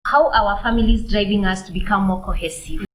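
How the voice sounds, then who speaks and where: A woman hosts a church panel discussion on family life. She affirms the others and steers the conversation. Her pitch is ordinary and middle. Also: fast, poor audio. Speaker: host.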